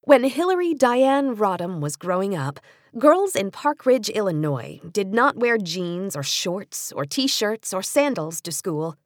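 An American woman speaks in a mid-range voice, narrating nonfiction for young listeners as an audiobook. Her reading is careful, measured and expressively story-driven, and the close studio recording carries no echo.

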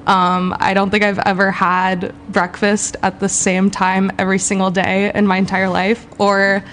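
Chatty young woman, flat delivery. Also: medium pitch, measured pace, a little hiss or hum. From Southern California. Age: 20s. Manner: relaxed, chatty, says "like" often. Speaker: student radio host. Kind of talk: casual radio chat. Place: student radio studio.

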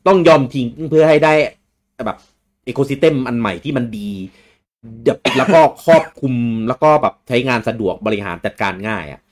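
A man hosting a casual gaming talk show, reading out viewer questions and answering them in a relaxed way with many restarts. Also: mid-range voice, normal speed.

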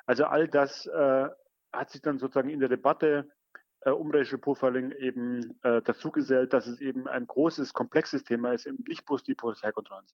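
A man's voice: mid-range voice, steady tone, brisk, no echo. A man interviewed as an activist, explaining his points with frequent fillers. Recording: dull lo-fi audio.

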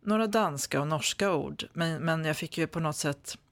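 A man's voice: a little high, a bit bright, no room sound. A man speaking standard Swedish, answering interview questions as an author in a hesitant way, with many fillers and restarts. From Sweden. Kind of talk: conversational interview.

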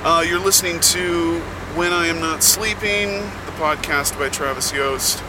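Male podcast host, casual and halting, slow pace, talking inside a truck cab with heavy road-vehicle noise behind him. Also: on the high side, steady tone. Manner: slow, halting delivery with many pauses. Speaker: touring musician. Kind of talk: casual, rambling spoken monologue. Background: loud vehicle and air noise.

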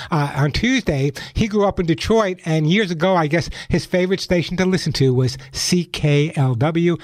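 A man's voice: high-pitched, dry recording. A man hosting a live radio call-in show, talking chattily and directly to listeners on a close microphone. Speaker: radio pet advice show host. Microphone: close studio microphone.

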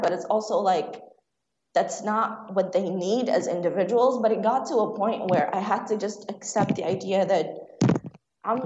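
Lively, quick-talking woman from Saudi Arabia. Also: medium pitch. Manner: quick, lively, laughs often while talking. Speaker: screenwriter guest. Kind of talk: conversational interview. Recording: roomy, dull sound with faint noise.

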